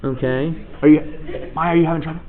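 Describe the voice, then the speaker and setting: A man's voice: fairly high pitch, steady tone, quick pace. A man teaching a class, casually calling on students one by one and encouraging their answers. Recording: tinny lo-fi recording with class chatter. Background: students chattering.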